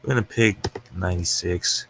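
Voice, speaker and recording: A low-pitched man gives an unscripted weather rundown from an upstairs room at home, speaking into a webcam. He talks loosely, narrating whatever is on his screen as he goes. A faint background noise sits under the recording. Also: normal speed, a bit bright. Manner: loose and unscripted, talking through his screen while he waits on it. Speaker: weather livestreamer. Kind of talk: casual weather commentary.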